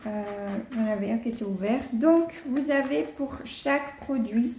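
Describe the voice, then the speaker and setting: A young Belgian woman talks her way through an unboxing at home, hesitant and chatty with plenty of fillers. Her fairly high voice has a gravelly, creaky edge. The room is echoey, with a faint hiss behind her. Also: moderate pace, a little mellow. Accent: Belgian French. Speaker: vlogger. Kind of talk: casual unboxing chat.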